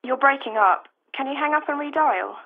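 A woman's voice: high-pitched, normal speed. A woman answering briefly and casually, heard over a landline phone. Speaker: actor in a course-book dialogue. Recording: tinny narrow phone line.

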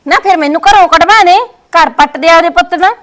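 Woman doing a high-voiced bossy punjabi daughter-in-law, fast and scolding. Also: a bit bright. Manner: commanding, scolding. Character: bossy young daughter-in-law, domineering and scheming. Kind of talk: scripted family skit.

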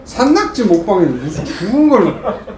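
Masked man, wildly swinging pitch. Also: sing-song, moderate pace, heavy background noise. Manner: pushy, teasing, laughing. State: through a face mask. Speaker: co-host running a prank. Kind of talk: casual prank banter. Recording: echoey room.

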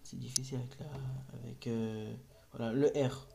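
Rambling, hesitant man with a mellow voice. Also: medium pitch, little pitch movement, moderate pace, gravelly. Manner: hesitant and rambling, many fillers and restarts. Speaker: gaming video host. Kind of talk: casual gaming tutorial vlog. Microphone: phone.

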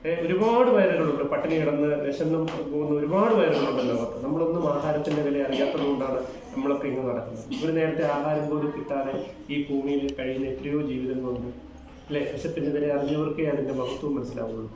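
A man playing a kind, earnest schoolteacher who coaxes his pupils gently and then lectures them on right and wrong, recorded from a distance in a very echoey room. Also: on the high side, fast talker, a little hiss or hum, close to an everyday voice. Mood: consoling, preachy. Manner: gentle, coaxing, moralizing. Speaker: teacher. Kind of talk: amateur short-film acting. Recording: echoey room, mic far off.

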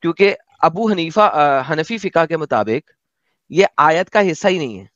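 High-voiced sarcastic man reading and commenting. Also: expressive, fairly bright tone, no echo. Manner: sarcastic, mocking asides. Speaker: host. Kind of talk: reading aloud and commenting in casual chat. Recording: dull dry lo-fi audio.

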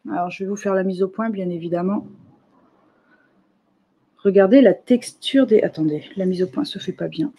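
A woman running a live shop presentation, chatty and enthusiastic, often filling pauses with little interjections. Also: mid-range voice, dark tone, slightly rough. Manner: chatty, enthusiastic, fills pauses with "hop" and "euh". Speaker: shop owner presenting new products. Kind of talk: live product demonstration.

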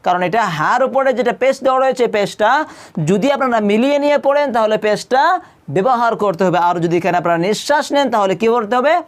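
A Quran reading teacher giving a step-by-step tajweed lesson. The teacher spells each letter and vowel mark aloud, then recites the verse slowly and drawn out, and asks the listeners questions before answering them. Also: mid-range voice, expressive.

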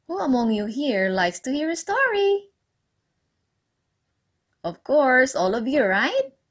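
A woman's voice: high voice, very animated, slow pace, very noisy. A woman teacher telling a story to young children, asking the class questions, repeating key words and praising their answers. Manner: praising, encouraging.

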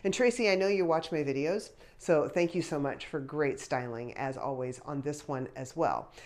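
Recorded indoors in a small pink bedroom through a clip-on lapel mic, this fashion try-on vlogger is a woman in her fifties whose voice is low, a little mellow, and moderately paced. She's slightly congested and talks casually through an unboxing and try-on, thinking aloud and letting out small laughs.

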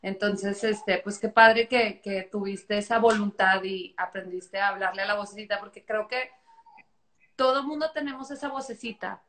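A woman's voice: mid-range voice, moderate pace, fairly bright tone, slight background noise. A woman with a Mexican accent, hosting a casual video chat and asking encouraging questions. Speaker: host, interviewer. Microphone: video call.

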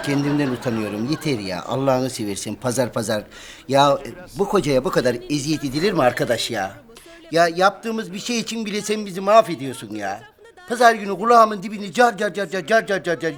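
A man's voice: a little high, lively intonation, fairly quick, a bit bright. An actor playing Erman, an exasperated middle-aged husband who pleads and grumbles at his wife, in a sitcom. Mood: pleading. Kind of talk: sitcom acting. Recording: audience laughter behind. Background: studio audience laughing.

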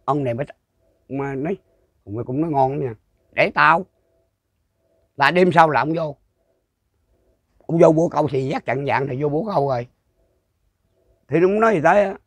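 A man's voice: a little high, brisk, pauses often, dry recording. An older man with a Southern Vietnamese accent telling a folk ghost story in a rambling, repetitive way, full of restarts. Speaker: storyteller interviewee.

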